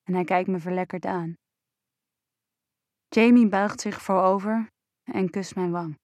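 A woman reading a first-person erotic story aloud in a slow, breathy, sensual way. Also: mid-range voice, steady tone, darkish tone, no room sound, studio quality. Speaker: narrator.

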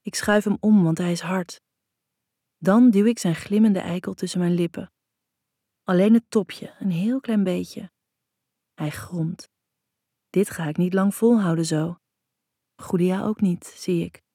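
A woman reading a scripted story in a soft, intimate, unhurried way with a husky voice. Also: fairly low pitch, no echo. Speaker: narrator. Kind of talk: scripted erotic story narration.

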